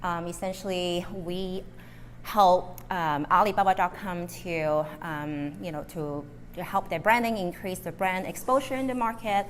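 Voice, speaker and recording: A woman from Hong Kong speaking at a live interview before an audience, relaxed and chatty, with many fillers and small slips in English. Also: fairly low pitch, measured pace, a little hiss or hum. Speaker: guest speaker, marketing manager.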